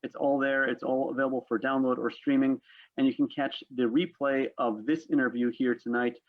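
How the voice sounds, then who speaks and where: Over a video call with thin, phone-like audio, a man hosts an online panel discussion in semi-formal speech. His voice is medium-pitched, steady, and brisk.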